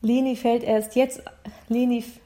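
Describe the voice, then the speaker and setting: A woman reading a novel aloud in a steady narrating manner, sometimes repeating a sentence to correct it. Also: on the high side, measured pace.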